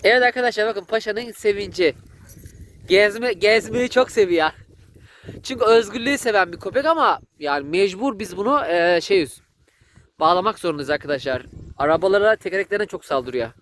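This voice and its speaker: A man, vlogging outdoors in a village and excitedly calling to a dog. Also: sits high, fairly quick, a little hiss or hum. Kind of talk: casual vlog commentary.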